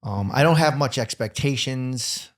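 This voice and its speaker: A man with a medium-pitched voice chats on a podcast. He speaks candidly and reflectively, pausing with ums. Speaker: podcast co-host. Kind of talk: casual chat.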